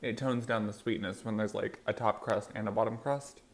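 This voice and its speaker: A mukbang host chews as he talks, rambling casually to viewers with loosely strung thoughts. His voice is lowish, his intonation fairly even, and his speed normal.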